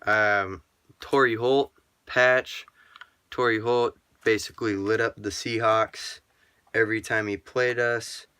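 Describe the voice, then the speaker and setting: A man with a lowish voice and a sharp, bright edge talks slowly through a vlog, showing his cards. His delivery is rambling and laid-back, padded with plenty of ums and uhs, and he sometimes talks to himself. His tone is smooth and clear, close and dry, with no room sound around it. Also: steady tone, dry recording. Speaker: sports card collector showing his cards. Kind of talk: casual vlog chat.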